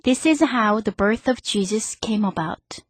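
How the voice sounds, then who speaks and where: A woman hosting a radio English lesson, explaining step by step and slowly repeating each example sentence. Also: mid-range voice, slightly rough, dry recording, studio quality. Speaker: radio English teacher host.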